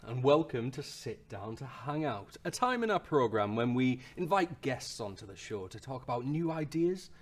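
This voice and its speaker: An actor playing a chatty talk show host delivering a scripted introduction. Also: male voice, medium pitch, big pitch swings, normal speed, few pauses. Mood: welcoming.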